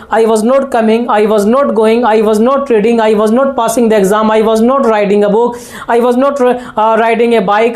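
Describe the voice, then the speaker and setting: A man teaching spoken English with an Indian accent. He explains in quick bursts and repeats drill sentences slowly. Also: very high voice, darkish tone.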